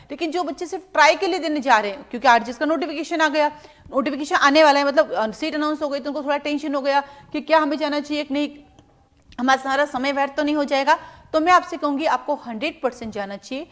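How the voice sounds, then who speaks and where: A woman with a high voice teaches an exam strategy lesson. She is a middle-aged coach from India. She advises her students directly and warmly, like a parent.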